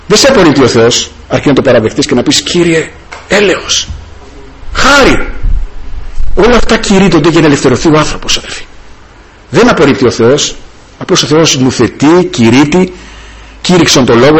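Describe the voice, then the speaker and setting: A man preaching a sermon with passion, breaking into hallelujahs. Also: poor audio. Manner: impassioned, rising and falling pitch, many hallelujahs.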